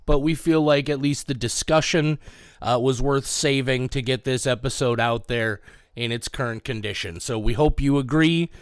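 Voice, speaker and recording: A man's voice: medium pitch, normal speed, smooth, no room sound, clean studio sound. A man hosting a podcast, giving a casual, apologetic spoken notice to listeners. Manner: apologetic, informal. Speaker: podcast host. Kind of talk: casual spoken disclaimer before an episode.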